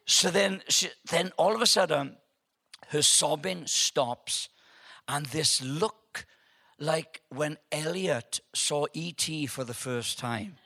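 A man in his seventies giving a humorous storytelling speech to a live audience, hesitant with many ums but animated once the story gets going. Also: on the high side, slow pace. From Wales. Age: 70s. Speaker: guest speaker at an event.

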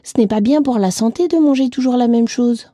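Sensible, caring girl, voiced by the female narrator; earnest, mellow tone. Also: a little high, a little fast, no echo, studio quality, lightly acted.

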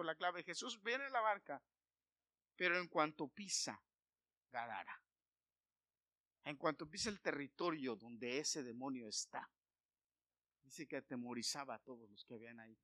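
A man preaching a sermon, emphatic and building to loud declarations. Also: on the high side, expressive, normal speed, no echo.

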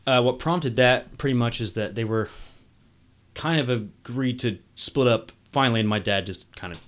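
A man grown up in England, talking casually and haltingly about his family, with many restarts. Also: mid-range voice. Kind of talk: casual conversation.

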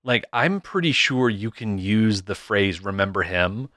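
A podcast co-host in casual chat, talking about a film trailer in a relaxed, rambling way. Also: low voice, unhurried, dry recording, studio quality.

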